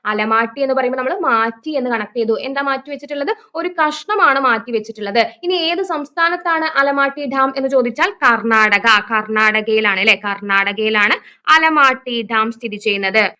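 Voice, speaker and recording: A woman's voice: fairly high pitch, moderate pace, pushed and bright, clean tone. A Malayali woman teaching exam facts through memory tricks, asking and answering her own questions in a chatty way.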